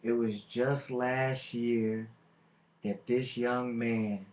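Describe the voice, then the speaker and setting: A man cuts a wrestling promo in a mid-pitched voice. He speaks slowly and deliberately, leaving dramatic pauses as he boasts and taunts. The recording is dull and lo-fi. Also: flat delivery.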